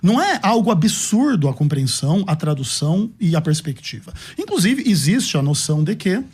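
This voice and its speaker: A man's voice: high-pitched, very animated, a little mellow, husky. A man with a Brazilian accent, laying out a formal rebuttal point by point in a debate. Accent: Brazilian Portuguese. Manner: measured, formal, builds his argument point by point. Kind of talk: theological debate.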